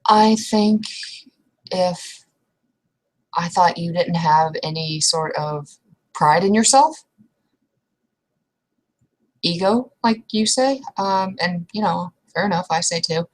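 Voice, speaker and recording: A young woman with a fairly low-pitched voice improvises an in-character roleplay conversation. She talks slowly and casually with long pauses, hesitating, restarting and trailing off, with some mild swearing.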